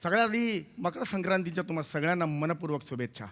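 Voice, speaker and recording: An actor playing a bumbling, pompous compere in a stage comedy sketch, flustered and tripping over names. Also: male voice, a little high, expressive, fast talker, fairly bright tone. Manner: flustered, fumbles names and words. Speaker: comic compere character.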